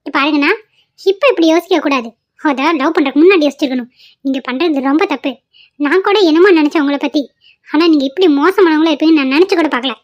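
A woman's voice: high voice, quick pace, dull audio, close to an everyday voice. A woman voicing an indignant young wife in a cartoon, scolding her brother-in-law. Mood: reproachful. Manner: indignant, reproachful.

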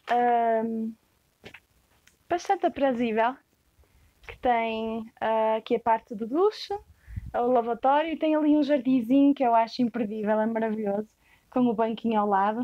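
A young woman with a European Portuguese accent works as a property tour guide, casually walking through a rustic stone farmhouse and describing each space with frequent hesitations. Her voice is on the high side at a moderate pace, and the audio is dull.

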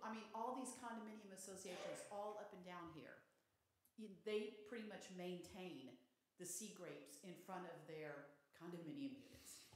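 A middle-aged woman giving earnest public comment at a city council meeting from a podium microphone. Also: medium pitch. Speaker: resident speaking at public comment. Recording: echoey council chamber with faint hiss.

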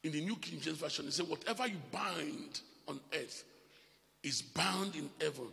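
A man preaching a live church sermon as bishop, swinging between loud emphatic calls and quiet asides. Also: sits high, vocal fry, big-room sound.

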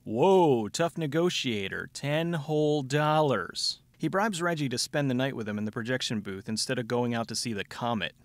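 A man's voice: medium pitch, normal speed, few pauses, no room sound. A man giving a sardonic, scripted comedic movie recap as a show host, with dry wit. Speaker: film review show host. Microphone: close studio voice-over mic.

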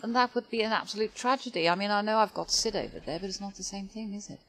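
A woman's voice: medium pitch, quick pace, a bit bright, slight background noise. An older woman chatting casually to the creatures in her game as she plays and comments, with frequent exclamations and sighs. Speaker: gaming video host. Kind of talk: casual let's-play commentary. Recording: game music playing behind.

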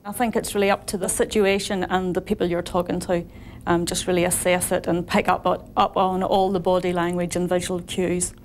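A woman giving measured, earnest views on communication in an interview. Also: fairly low pitch, flat delivery, darkish tone, a little hiss or hum. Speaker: commentator on migrant communication.

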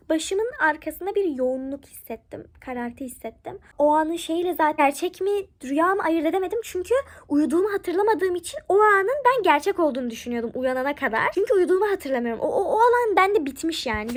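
Young woman chatting to camera at home, high voice, talks fast, gets hushed at the scary bits. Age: young adult. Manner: animated, chatty, drops to a hush at tense moments. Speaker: vlogger. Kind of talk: casual storytelling to camera. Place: home living room.

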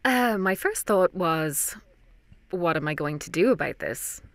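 A young Irish woman, a voice actor, tells her story conversationally in an interview, her low voice animated and measured. She's close on a dry studio microphone in a small padded booth, with no room sound.

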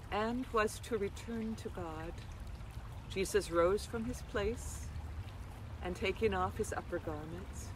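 A woman reading a passage of scripture aloud in a slow, measured way. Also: mid-range voice. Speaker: scripture reader. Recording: distant from the mic with faint noise.

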